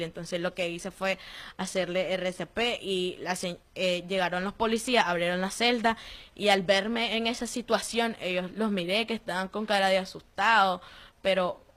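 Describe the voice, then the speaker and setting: A young woman with a Nicaraguan accent giving a personal testimony in an interview, telling her story in a lively way and acting out the voices of the people she quotes. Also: mid-range voice. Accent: Nicaraguan Spanish. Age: young adult. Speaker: interviewee, former detainee.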